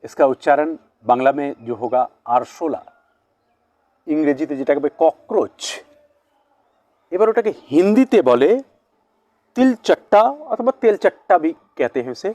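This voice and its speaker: A man teaching word lists at a board, switching between two languages and slowly repeating each word's pronunciation. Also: a little high, lively intonation, warm tone, no room sound. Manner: slow, repeated pronunciation of words. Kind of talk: bilingual vocabulary lesson at a board.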